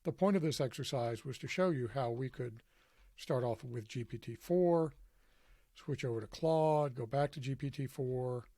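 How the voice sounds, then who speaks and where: A man talks through a screen demo in an offhand, self-deprecating way, thinking aloud as he goes. His voice is dark and gravelly. The sound is dry and close, with no room echo. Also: mid-range voice, moderate pace. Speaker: podcast host demonstrating software. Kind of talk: screen-recorded tutorial walkthrough.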